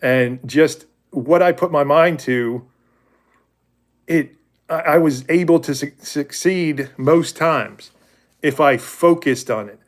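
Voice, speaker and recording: A fairly high-pitched man in his forties hosts a livestream, talking slowly and casually with viewers about faith. His candid, rambling speech keeps restarting and correcting itself.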